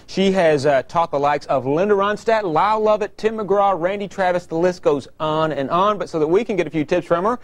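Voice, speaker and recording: A man hosting a morning show, chatty and quick to laugh, asking animated questions. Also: sits high.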